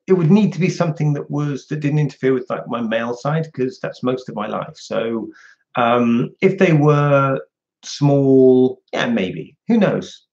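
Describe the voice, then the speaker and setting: A man's voice: mid-range voice, darkish tone. A man hosting a casual livestream, chatting frankly and answering viewer questions from home. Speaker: livestream host. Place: at home indoors. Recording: dull lo-fi home stream audio.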